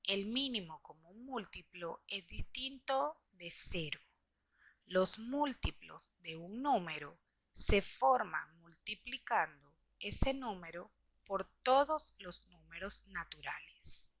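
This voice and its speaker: Slow, measured woman teacher. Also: medium pitch, lively intonation, a bit bright. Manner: slow, deliberate explaining to children. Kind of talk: scripted classroom lesson.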